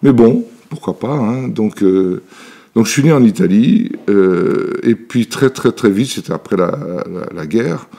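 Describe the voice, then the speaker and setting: An Italian elixir maker in his seventies tells his life story as an interview guest in his workshop, in relaxed personal storytelling. His fairly low, dark voice has lively intonation and a slightly slow pace, and his speech is hesitant, full of fillers and restarts.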